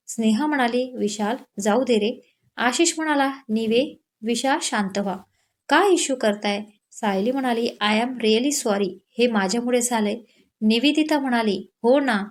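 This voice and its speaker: A woman with a Marathi accent narrating a romantic story, reading every character's lines in much the same voice. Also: fairly high pitch. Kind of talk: scripted narration with character dialogue.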